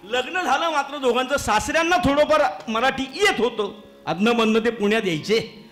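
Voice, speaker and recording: A man's voice: extremely high pitch, moderate pace. A man from Maharashtra leading a kirtan, telling funny stories as a sermon, chuckling and speaking straight to his listeners in a temple hall. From Maharashtra, India. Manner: lively storyteller who addresses the audience directly and chuckles at his own jokes. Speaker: kirtan preacher. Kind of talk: humorous storytelling sermon. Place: temple hall, performing live before listeners.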